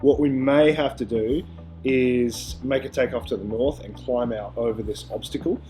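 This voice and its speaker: A man's voice: mid-range voice, moderate pace, dark tone, faint music behind. A man presenting as a pilot, explaining aircraft details in an informal, instructional way.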